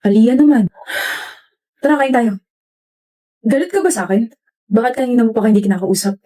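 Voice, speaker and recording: A woman's voice: fairly high pitch, a little fast, dark tone. A woman acting several roles in a short drama, switching between characters with emotional delivery. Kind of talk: acted Filipino short drama, multiple roles.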